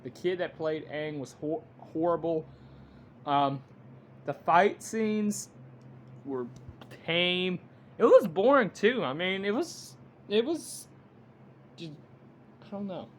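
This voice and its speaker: A man giving an unscripted movie review rant, halting and blunt, with frequent restarts. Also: high voice, lively intonation, slight background noise.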